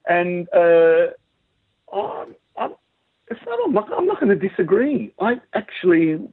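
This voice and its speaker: A middle-aged man with a broad Australian accent tells stories casually in an interview, acting out what people said. His voice is husky and a little high for a man. It comes through a thin, dry phone-like line. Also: measured pace, no room sound. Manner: animated storytelling, acts out quoted remarks. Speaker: singer, interview guest. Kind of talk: casual anecdotal interview chat.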